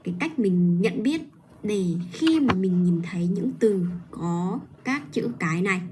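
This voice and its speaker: A woman teaching pronunciation on a livestream, patiently modeling and repeating each word slowly. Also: mid-range voice, lively intonation, background noise. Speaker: English teacher.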